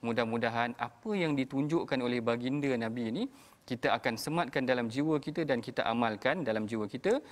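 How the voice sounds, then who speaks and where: A man hosting a religious TV program, explaining calmly and addressing the viewers directly. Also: mid-range voice, fast talker, in a large hall. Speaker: host.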